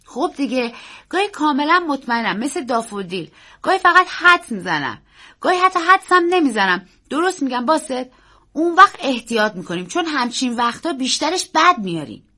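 A woman's voice: high-pitched, voice pushed up, exaggerated voice. A woman voicing an earnest, secretive young boy who talks in an urgent, pleading way. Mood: excited. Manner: urgent, pleading, quick and excited.

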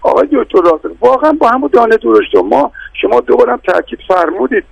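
A middle-aged man speaks insistently but courteously as a radio guest defending shopkeepers. His voice sits high and has a gravelly fry. The sound is dry and close. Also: animated, no echo, highs cut off. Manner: insistent, polite, repeatedly addresses the host. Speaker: bazaar guild representative, radio guest. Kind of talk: phone-in radio debate.

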